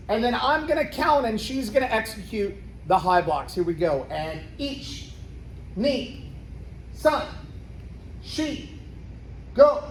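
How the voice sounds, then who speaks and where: A woman with a fairly high voice leads a children's karate lesson as the instructor. She explains the techniques step by step in an instructional demonstration style. The room is noticeably echoey, with clear noise behind her. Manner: step-by-step explaining, checking with "okay?". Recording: roomy echo, clear background noise.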